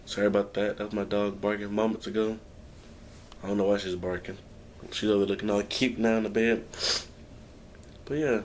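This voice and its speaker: A man's voice: fairly low pitch, steady tone, fairly quick, pauses often, a little mellow, a little hiss or hum. A young man talking to his camera at home in a rambling, downbeat personal vlog, full of restarts and sighs. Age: young adult. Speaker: vlogger. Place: at home, indoors.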